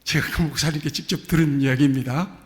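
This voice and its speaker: A man preaching a sermon as pastor, telling stories with lively asides. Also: a little high, quick pace. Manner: animated storytelling, acting out quoted voices. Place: church sanctuary. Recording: church hall reverb.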